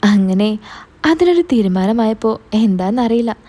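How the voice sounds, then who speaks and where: A woman storyteller reads a first-person family story at a plain, measured pace. Her voice is mellow and dark-toned, sitting a little high. The telling is steady and unadorned.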